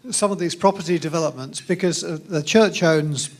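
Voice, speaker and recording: A man speaking up from the audience on behalf of a church, asking his question haltingly with fillers. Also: a little high. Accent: Australian. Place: hotel function room.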